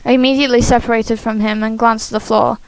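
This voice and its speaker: A woman hosting a game playthrough, reading a visual novel aloud expressively with casual asides, animated and giggly. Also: a little high, fast, clear, resonant tone, no echo, rough recording. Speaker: host of a game playthrough series.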